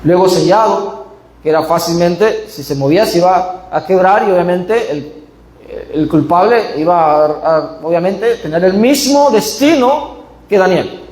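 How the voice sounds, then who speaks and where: High-voiced man preaching in an echoey church. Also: lively intonation, a little slow, a little mellow. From Panama. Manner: emphatic, rhetorical questions, reads scripture aloud. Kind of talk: sermon. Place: church hall.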